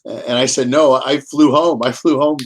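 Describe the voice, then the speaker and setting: A man's voice: medium pitch, fairly even intonation, moderate pace. A man, an author and guest, telling stories in a casual chat, rambling with repeats and restarts. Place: home, Kansas City.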